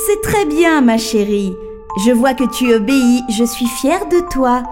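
A gentle storybook mother coaxes softly in a high, unhurried voice, as a woman plays her. Faint music runs underneath. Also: expressive. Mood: coaxing. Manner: soft and coaxing, sing-song rhyme. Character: gentle coaxing mother behind a door.

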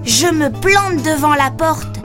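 A woman narrating a children's story in first person, with a lively, expressive reading. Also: high-pitched, takes it slowly. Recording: storybook reading over music.

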